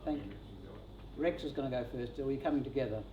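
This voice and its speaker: A man leading a funeral service, thanking speakers gently and introducing the next ones. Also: medium pitch, dull audio, slight background noise. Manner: gentle, measured. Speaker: funeral celebrant. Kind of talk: formal ceremony hosting. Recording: echoey room from a distance.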